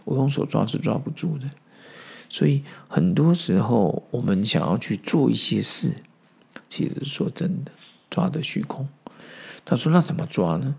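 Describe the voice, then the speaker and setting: A man's voice: fairly low pitch, gravelly, a little mellow, husky. A man hosting a podcast, giving a casual Buddhist teaching talk, chatty asides and acted quotes. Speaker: podcast host.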